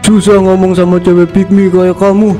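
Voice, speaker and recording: A man's voice: high-pitched, little pitch movement, moderate pace, dark tone, faint music behind, close to an everyday voice. A man voicing a schoolboy and an angry, harsh father in a cartoon parody soap. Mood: scolding. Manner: scolding, harsh. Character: boy Dio, then an angry abusive father.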